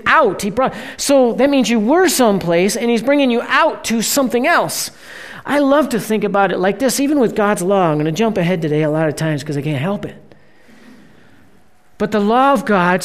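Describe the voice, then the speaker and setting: Preacher, sermon, middling pitch, conversational, emphatic bursts, hushed slowed asides. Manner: conversational preaching, frequent "right?" check-ins.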